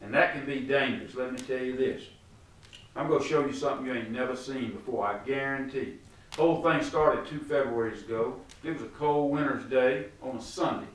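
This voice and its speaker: A man's voice: medium pitch, brisk, slight background noise. A middle-aged man with a Southern US accent telling funny family stories in a folksy, drawling way, talking straight to his listeners. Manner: folksy, drawling, addresses the audience directly. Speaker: storyteller. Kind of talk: folksy comedic storytelling. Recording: roomy echo.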